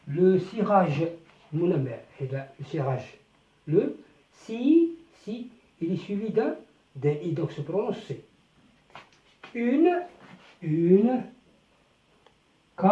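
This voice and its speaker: A French teacher giving a beginner phonics lesson, stretching out syllables and repeating each word slowly. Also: mid-range voice, mellow, distant mic. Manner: slow, drawn-out syllables, repeating words. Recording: echoey room, voice from off the mic.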